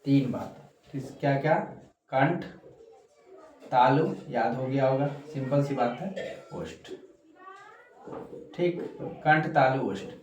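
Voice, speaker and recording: Man, Bihari Hindi accent, teacher, very slow, repetitive, casual lesson, echoey room, faint background noise. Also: medium pitch, a little mellow. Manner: slow, repetitive, frequent "ठीक" check-ins. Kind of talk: casual exam-prep lesson.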